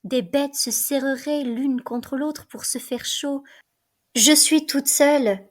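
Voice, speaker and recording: A woman reading the part of a weary young woman prisoner facing death, in a soft, tired murmur. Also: high-pitched, steady tone, slow pace, pitched above the performer's own voice.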